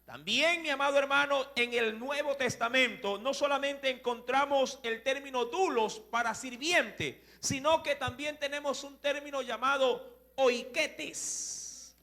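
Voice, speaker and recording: Male preacher, unhurried and deliberate, bright tone, teaching from scripture. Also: very high voice, creaky. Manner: rhetorical questions to listeners, slow and deliberate. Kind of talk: sermon teaching on Greek words. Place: church.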